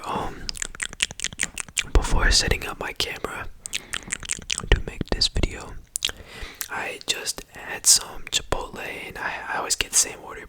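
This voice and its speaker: Whispering close to the mic, an ASMR creator rambles casually and repetitively in slang, constantly dropping "bro" and "you know." The tone is bright and forceful, and the audio quality is poor.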